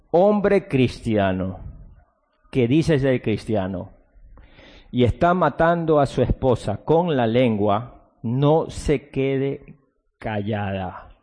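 A man preaching a sermon as pastor, switching between a low, hushed delivery and sudden loud outbursts with drawn-out emphasis, sometimes mocking soft-spoken replies. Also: in a large hall. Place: church.

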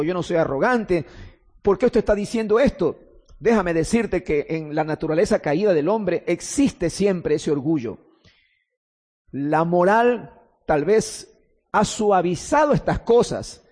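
Guy giving an earnest sermon in church, kinda high pitched, big reverb. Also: warm tone. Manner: earnest, emphatic preaching with repeated phrases and restarts. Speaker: preacher. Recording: long hall reverb.

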